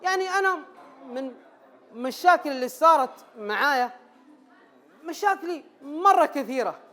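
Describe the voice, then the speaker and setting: A jittery, people-pleasing man, played by an actor on stage. He pleads and repeats himself in a notably high voice, with nervous laughter running through the theater monologue. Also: lively intonation, normal speed, pushed and bright, some chatter behind. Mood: pleading. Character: anxious people-pleasing male ex-teacher.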